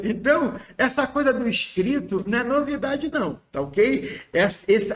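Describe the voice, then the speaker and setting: A man's voice: high voice, fairly bright tone, reverberant. A Brazilian man giving an informal spiritist lecture, chatty and full of questions and asides to his listeners. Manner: conversational, asks the audience questions, asides and quick quips.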